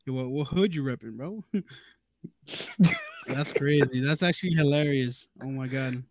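A man co-hosting a casual podcast chat, animated and exclamatory, laughing a lot and mixing Spanish and English. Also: mid-range voice, slow, no room sound. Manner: switches between Spanish and English. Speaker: podcast co-host.

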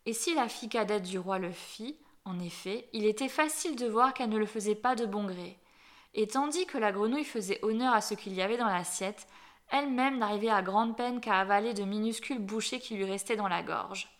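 A woman reading a fairy tale aloud as storyteller, gentle and dropping softly at the ends of phrases. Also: mid-range voice, fairly quick.

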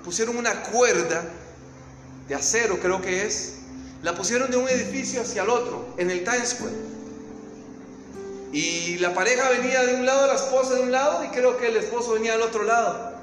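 A man with a Latin American Spanish accent preaching a sermon, telling a story dramatically and swinging from hushed tones to shouts. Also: very high voice, reverberant, in a large hall, slight background noise, low-quality recording.

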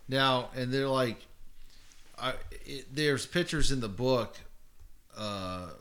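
A man's voice: mid-range voice, slow, a bit bright. A man co-hosting a podcast, retelling a story in a casual, rambling way, full of fillers and self-corrections. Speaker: podcast co-host.

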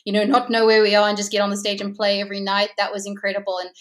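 A woman's voice: medium pitch, flat delivery, rapid-fire. A woman who grew up in Hong Kong, chatting upbeat as a musician guest over a video call, with frequent restarts. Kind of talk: casual interview chat.

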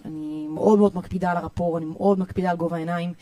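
A woman youth coach with an Israeli accent, giving parenting tips in a podcast interview in an energetic, emphatic way, often repeating herself. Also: fairly low pitch, no room sound. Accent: Israeli Hebrew. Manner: energetic, repetitive, emphatic listing.

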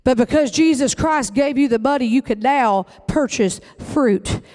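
Man preaching a fiery, folksy sermon in a very high voice. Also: measured pace, darkish tone. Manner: emphatic preaching, folksy Southern phrasing. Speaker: pastor.

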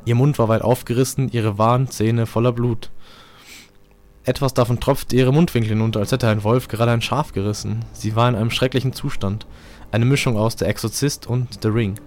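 A man, the host of a podcast, reading a first-person horror story aloud in a dramatic, steady way. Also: medium pitch, brisk, slight background noise.

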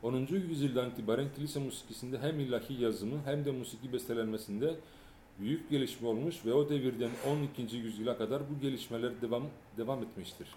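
A man giving an academic lecture, partly read aloud, in a measured and halting way with fillers and restarts, in a lecture hall. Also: medium pitch, mellow, slight background noise. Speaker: lecturer on music history.

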